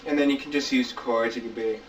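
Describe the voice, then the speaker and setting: Loud music plays behind a man hosting an informal gear tutorial, where he talks a little fast in a steady, mid-range voice. He explains each step colloquially and repeats key points. The camcorder audio is dull and lo-fi, taken from a distant mic.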